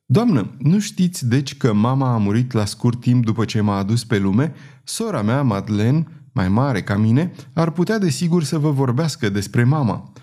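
A man's voice: mid-range voice, lively intonation, warm tone, close to an everyday voice. A man voicing a timid, tearful young girl who speaks hesitantly and shyly, in a storybook reading. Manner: hesitant, trembling, shy.

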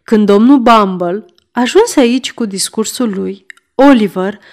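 A woman reading a classic novel aloud as an audiobook narrator, in a measured storytelling manner. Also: medium pitch, a little mellow.

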